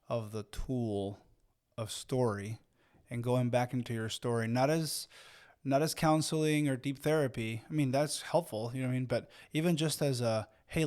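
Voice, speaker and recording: A man in his thirties, from Mexico, co-hosting a leadership podcast. He tells stories in a loose, rambling way, full of fillers and restarts. His voice sits at a middle pitch. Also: a little mellow, smooth. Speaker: podcast co-host. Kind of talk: casual storytelling chat.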